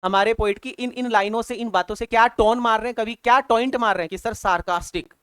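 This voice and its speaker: A man's voice: high-pitched, fairly even intonation, fast talker, a bit bright, smooth, no room sound. A man with an Indian English accent teaching an exam-prep lesson, repeating key answers over and over and calling students brother and child. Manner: repetitive drilling, calls students "bhaiya" and "beta".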